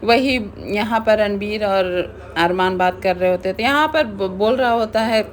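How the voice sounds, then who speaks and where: A woman's voice: medium pitch, moderate pace, slight background noise. A woman casually recapping a reality show, retelling events in a chatty way with frequent restarts.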